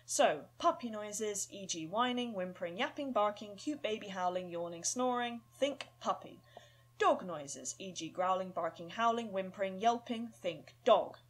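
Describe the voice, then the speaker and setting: A woman's voice: mid-range voice, animated, normal speed. A woman explaining audition instructions in a casual, chatty and self-deprecating way. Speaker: casting call director.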